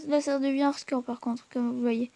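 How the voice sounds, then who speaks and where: A woman's voice: high voice, level tone, normal speed, dark tone, slight background noise. A woman hosting a gaming channel, chatting to viewers while she plays and stumbling over fillers and restarts. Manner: hesitant, full of fillers and restarts; chatty, addresses viewers directly. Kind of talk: gameplay commentary.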